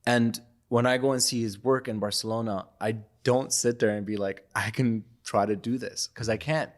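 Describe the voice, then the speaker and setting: A young man from Iraq, a photographer and podcast guest, speaking in a reflective, loose, conversational way. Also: on the low side. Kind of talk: casual interview talk.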